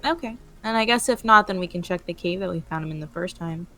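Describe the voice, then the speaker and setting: A woman's voice: fairly low pitch, quick pace, sharp tone. A woman playing a tabletop game, chatting in a playful way. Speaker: player. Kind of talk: casual tabletop play.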